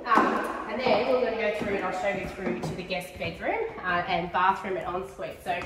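A woman's voice: medium pitch, fairly even intonation, normal speed, distant mic. Gushing Australian woman on a house tour. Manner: enthusiastic, gushing. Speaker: prize home tour guide. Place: large furnished house indoors. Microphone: handheld camera following her. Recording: roomy echo, off-mic at times, noisy.

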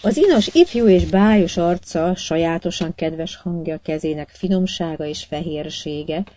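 A woman with a fairly low voice narrates an audiobook from a script, telling the story in a measured, even manner.

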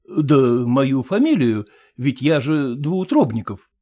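Man playing a flustered gentleman. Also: mid-range voice, sing-song, takes it slowly, breathy edge, exaggerated voice. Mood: cheerful. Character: flustered young gentleman, timid then cheerful.

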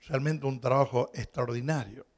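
A middle-aged man with a Rioplatense Spanish accent, preaching a sermon as pastor in a storytelling way, shifting between loud preaching and quiet asides and asking the congregation questions. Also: medium pitch, fairly even intonation, moderate pace.

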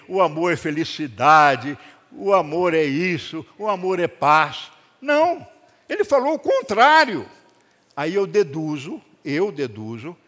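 An older man with a Brazilian accent, preaching a sermon to a congregation and telling stories with acted-out dialogue. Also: sits high. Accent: Brazilian Portuguese. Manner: lively storytelling with acted-out dialogue and jokes. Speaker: rabbi preaching. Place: congregation hall. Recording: long hall reverb.

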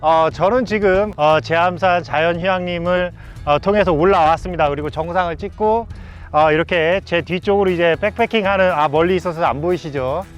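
A man with a fairly high voice hosts a travel vlog from a mountain top. He speaks in formal, polite presenter phrases broken by exclamations of wonder. Soft music plays behind him. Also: moderate pace, highs cut off. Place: outdoors on a windy mountain top.

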